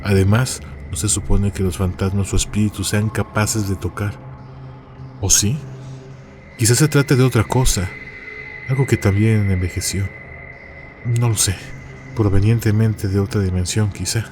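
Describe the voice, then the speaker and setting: A man hosting a horror story channel, reading out a listener's tale in a measured, steady scripted narration. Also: lowish voice, music in the background.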